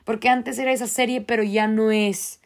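A podcast host with a Mexican accent gives an earnest, impassioned motivational talk in casual slang, restarting herself often. Her voice is a little high, with a steady tone and moderate pace.

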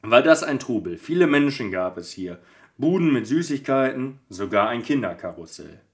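Chatty and laughing, this male podcast co-host reads a Christmas story aloud a bit tipsy, stumbling occasionally. His mid-range voice is animated and moves at normal speed.

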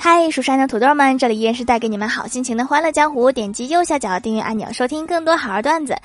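A woman with a fairly high voice hosts a comedy podcast. She reads out short jokes and listener messages in a lively storytelling voice and chuckles at the punchlines. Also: fast, faint music behind. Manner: lively storytelling with amused laughs. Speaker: podcast host. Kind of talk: reading jokes aloud.

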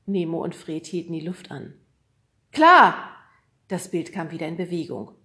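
Low-voiced woman reading a storybook. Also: fairly quick. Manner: calm, clear, storytelling. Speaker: audiobook narrator. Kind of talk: scripted narration.

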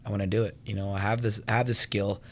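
He's a fast-talking young Venezuelan, co-owner of a fitness business, being interviewed casually on a podcast. His low voice barely moves in pitch, and fillers crop up constantly in his friendly chatter.

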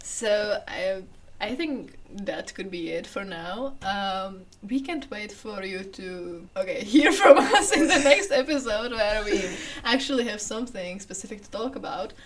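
A young woman co-hosting a casual podcast, chatty and quick to laugh, recorded in a kitchen. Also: mid-range voice, distant mic. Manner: giggly, animated, laughs often. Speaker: podcast co-host. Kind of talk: casual chat. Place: youth center kitchen.

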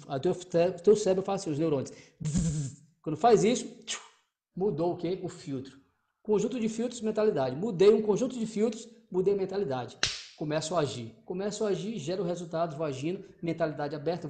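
A man with a Brazilian accent giving an energetic motivational talk as a coach, emphatic, repetitive and swearing freely, asking rhetorical questions. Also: a little high. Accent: Brazilian Portuguese. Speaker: motivational coach for exam candidates.

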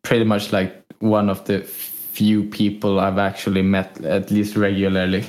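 A man, co-hosting a casual podcast into his microphone, relaxed and halting with frequent restarts. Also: lowish voice. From Sweden. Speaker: podcast co-host.

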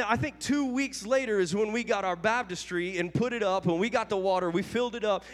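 High-voiced fervent preacher in a reverberant sanctuary. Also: male voice. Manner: fervent preaching with call-and-response. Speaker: pastor. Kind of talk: revival sermon. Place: church sanctuary.

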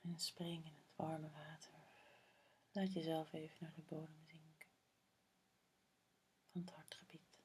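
A woman guiding a meditation in a soft, breathy half-whisper, slow and soothing, with long pauses. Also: low voice, flat delivery, a little hiss or hum. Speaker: meditation guide. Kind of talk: guided meditation.

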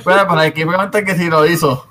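A man's voice: on the high side, steady tone, quick pace, fairly bright tone. A man co-hosting a podcast who cuts in with short jokes and laughs. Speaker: co-host. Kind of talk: casual podcast banter. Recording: noisy recording.

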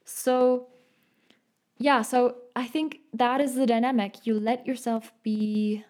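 A woman with a German accent hosting a solo podcast, speaking in a gentle, reflective way and thinking aloud with many fillers. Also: on the high side, level tone, slow pace. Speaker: podcast host.

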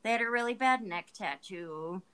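A woman's voice: mid-range voice, lively intonation, normal speed, a bit bright, clean tone. A woman co-hosting a casual chat, telling candid, crude dating stories and laughing often.

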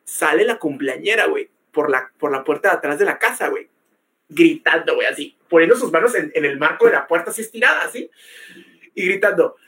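Fairly quick and lively, this young Mexican podcast co-host has a fairly high, bright, husky voice with a forceful tone. He tells a story in slangy banter, throws in "güey" constantly and acts out what people said.

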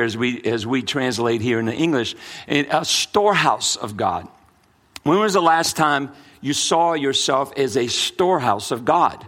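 A middle-aged American pastor preaches a sermon in a mid-range, fairly bright voice. His accent blends New Orleans and Brooklyn, and he speaks earnestly, often repeating himself and restarting.

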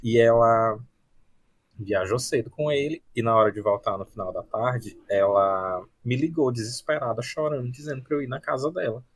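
A man with a husky voice tells a story on a podcast with lively, anecdotal energy. His pitch sits in a middle range. The recording is dry and close-miked. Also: normal speed, no echo. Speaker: podcast co-host. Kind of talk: casual podcast chat.

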